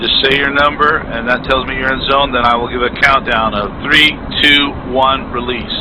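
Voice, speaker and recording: A man's voice: mid-range voice, fairly even intonation, normal speed. Man leading a flight over noisy comms. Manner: instructional, directive. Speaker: flight lead in a flight simulator. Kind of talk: radio calls and mission briefing.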